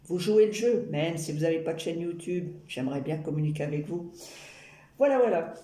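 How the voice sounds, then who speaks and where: A woman's voice: low voice, a little fast, warm tone. A woman chatting casually and ramblingly to her viewers while she crafts, with playful asides. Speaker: YouTube craft vlogger. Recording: roomy echo, noisy background with clicks.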